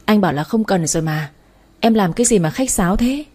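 A woman's voice: mid-range voice, lively intonation, fairly quick, a little mellow, breathy edge. A woman reading a storybook, voicing a smug, flirtatious male customer who schemes and coaxes. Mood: coaxing.

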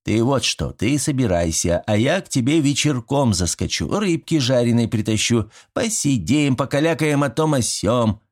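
A man's voice: mid-range voice, animated, normal speed, few pauses, voice pushed up, lightly acted. A man voicing a fussy, good-natured old village grandfather who talks in folksy rural speech, sighing and fretting. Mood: fretful. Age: older.

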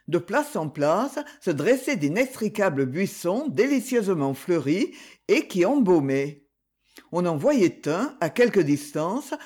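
A reader narrating a classic French novel in an expressive literary manner. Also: mid-range voice. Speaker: audiobook reader.

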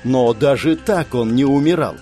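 A man's voice: mid-range voice, normal speed, mellow, soft background music. A man narrating a first-person fantasy story in a tense, dramatic reading style. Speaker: audiobook narrator.

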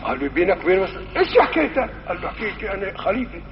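A man's voice: high-pitched, big pitch swings, rapid-fire, noisy background. A man with a Syrian Arabic accent teaching a religious lesson, telling stories and acting out the dialogue in shifting voices. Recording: muffled old recording in a reverberant hall.

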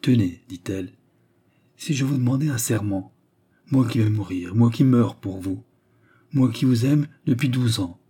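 A man voicing a grieving, lovesick young woman who speaks softly and sadly in an audiobook. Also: mid-range voice, measured pace, breathy edge. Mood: intense. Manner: soft, sad, solemn declarations. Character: grieving lovesick Indian woman, calm and intense.

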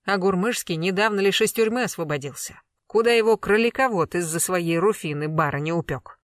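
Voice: medium pitch, a little fast, dry recording, natural voice. Reader doing a desperate accused man, pleading denials, audiobook scene, dry close sound. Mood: defensive. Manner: pleading, rising to shouted denials. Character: desperate cornered middle-aged man accused of murder. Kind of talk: audiobook character reading.

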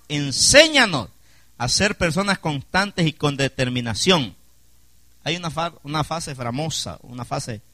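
In this sermon, a pastor preaches with a bright, forceful tone and a lively, swinging rhythm, his voice slightly high. He remains emphatic, repeatedly questions the congregation and calls for amen. The recording is dry and close.

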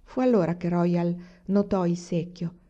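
A woman reading a novel aloud as an audiobook narrator, in an even storytelling manner. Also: fairly low pitch, measured pace. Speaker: audiobook reader. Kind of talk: scripted narration. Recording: dull lo-fi recording.

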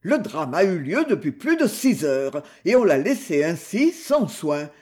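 A man reading as a gruff, grumbling army doctor. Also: sits high, big pitch swings, a little slow, a little mellow. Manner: grumbling, curt.

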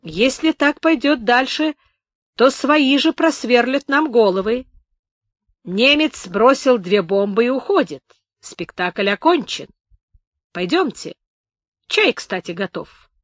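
A woman's voice: a little high, expressive, takes it slowly, pauses often, dry recording, studio quality, voice pushed up. A woman voicing a voluble, theatrical male officer who declaims with pathos in an audiobook. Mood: brisk. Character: voluble, bombastic middle-aged male officer.

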